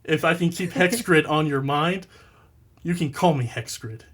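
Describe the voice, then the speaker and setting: Male podcast host, casual chat, self-deprecating humor, quick to laugh. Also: a little high, fairly bright tone.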